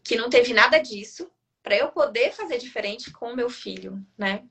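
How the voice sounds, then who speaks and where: A woman's voice: on the high side, lively intonation, normal speed, creaky, sharp tone. A woman and mother in a casual chat, speaking emphatically and agreeing readily. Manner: emphatic, agreeing and quoting herself. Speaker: mother in conversation.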